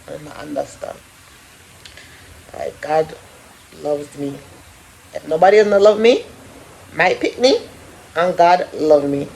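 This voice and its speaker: Here a 30s woman vlogger talks to camera from her apartment, addressing viewers directly in a chatty, animated way and laughing a lot. Her voice is low and creaky. Audio quality is poor, with slight background noise.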